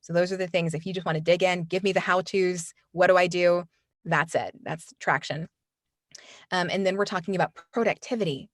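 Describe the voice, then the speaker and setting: In a casual interview, a woman who trains voiceover artists speaks earnestly, repeatedly restarting her sentences and using many fillers. Her voice runs on the low side, recorded dry through a studio microphone at studio quality.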